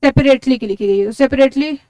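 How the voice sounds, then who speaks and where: A woman's voice: high voice, brisk, warm tone, smooth, dry recording. A woman teaching an exam-prep lesson, explaining step by step and spelling words out letter by letter. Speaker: English teacher.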